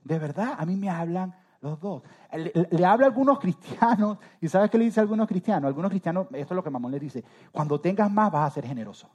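A man preaching a sermon with a fairly high but mellow, warm voice. His delivery swings between loud emphatic rises and soft trailing endings. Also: lively intonation, fast, few pauses, lo-fi sound. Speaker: pastor.

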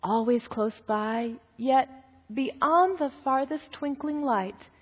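Woman reading as wise ancient female turtle, gentle, reverent, very unhurried, storybook, echoey hall. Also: high-pitched, slightly rough, voice pushed up, exaggerated voice. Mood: solemn, tender. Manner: solemn, measured, reverent. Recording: muffled, echoey large hall.

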